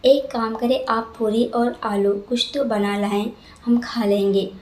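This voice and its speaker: A woman's voice: on the high side, steady tone, measured pace, darkish tone, close to an everyday voice. Woman doing a whiny, spoiled young woman. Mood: complaining. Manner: whiny and complaining. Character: spoiled, sulky young woman, childish and talkative. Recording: roomy echo.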